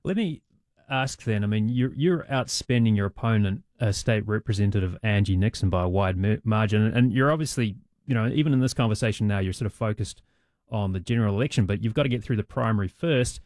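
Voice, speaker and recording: A man working as a smooth radio talk show host, interviewing a guest and taking callers with measured, polite questions. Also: on the low side, darkish tone, no room sound, studio quality. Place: radio studio.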